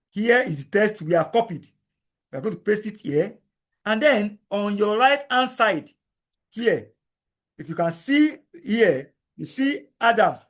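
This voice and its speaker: A man leads a screen-recorded software lesson, his voice high for a man. He goes slowly and explains each click, repeating himself so nobody gets lost. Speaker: instructor.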